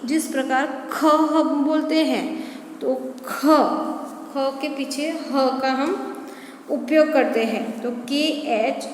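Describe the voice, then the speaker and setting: A woman teaching a primary-school class, explaining the alphabet slowly and spelling out letters one at a time. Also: high voice, steady tone, a little mellow. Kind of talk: online class lecture. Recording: echoey room with long reverb, faint hum.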